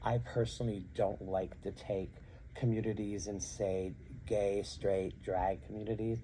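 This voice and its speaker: A man's voice: on the low side, level tone, unhurried, warm tone, slight background noise, poor audio. A middle-aged man who works as a drag queen and show host, answering interview questions earnestly and repeating phrases for emphasis.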